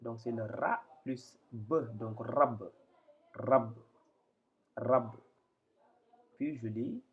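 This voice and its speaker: A man giving a slow step-by-step reading lesson, hesitating, repeating phrases and spelling out syllables. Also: mid-range voice. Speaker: Quran reading teacher. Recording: dull lo-fi sound.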